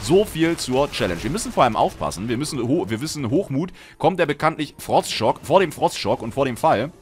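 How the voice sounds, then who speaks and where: Animated gamer, slangy outbursts. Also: male voice, medium pitch, soft background music. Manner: excited slangy banter, quick outbursts. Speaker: gaming channel host. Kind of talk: Let's Play commentary.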